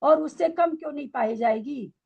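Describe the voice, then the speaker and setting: A woman's voice: sits high, moderate pace, vocal fry, phone-quality sound. A woman teaching a scripture study class, quizzing and scolding her students with pointed questions.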